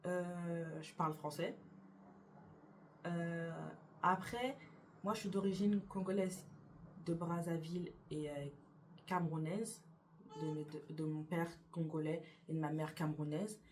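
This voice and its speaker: Young woman chatting in a hesitant, low-pitched voice. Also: measured pace, a little mellow, slight background noise. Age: young adult. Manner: hesitant, many fillers and restarts. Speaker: YouTuber. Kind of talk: casual get-to-know-me tag chat. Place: her bedroom beside a window.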